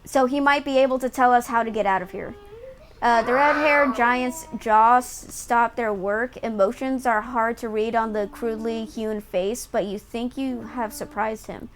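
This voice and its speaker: A woman's voice: on the high side, steady tone, a little slow. A woman game streamer reading on-screen story text aloud and chatting in an amused way as she explains it. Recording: faint background noise.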